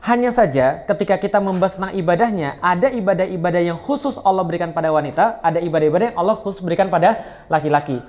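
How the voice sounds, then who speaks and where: A man's voice: high-pitched, lively intonation, fast, a little mellow. A male Islamic preacher giving a casual, joking study lecture, often adding tag questions.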